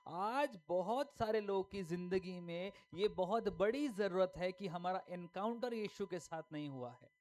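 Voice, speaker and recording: A man's voice: sits high, unhurried, few pauses, darkish tone, a little hiss or hum. A male pastor preaching a sermon emphatically, firing rhetorical questions and repeating key lines.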